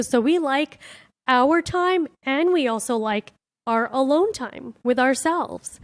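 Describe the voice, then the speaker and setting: A woman's voice: fairly high pitch, no echo. A woman comedian hosting her own podcast, talking candidly and from the heart in a casual reflective monologue, full of "like" and "you know". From born in India, raised in Miami.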